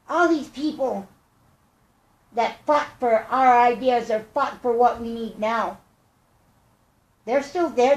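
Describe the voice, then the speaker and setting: An older woman with a squeaky, chipmunk-like helium voice, speaking earnestly and haltingly in a rambling personal monologue. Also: a little mellow. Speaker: vlogger. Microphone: tablet microphone. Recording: echoey room.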